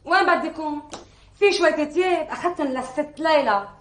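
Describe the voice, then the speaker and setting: A woman's voice: high-pitched, fairly quick, a bit bright, roomy sound, slight background noise. An actress playing a wife with a Lebanese accent, talking back defiantly to her husband. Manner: defiant, retorting.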